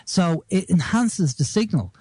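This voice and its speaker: Man from Ireland, radio guest, fairly high voice, dry sound, storytelling chat. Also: very animated, measured pace, a little mellow, breathy edge, no echo. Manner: storytelling, explanatory.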